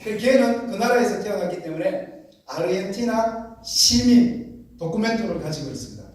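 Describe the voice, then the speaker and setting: A man from the region preaching as a missionary pastor, telling a story in an animated way and acting out shouting family members. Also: high voice, normal speed. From Gyeongsang region, Korea. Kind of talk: storytelling sermon. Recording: echoey hall, distant mic, faint noise.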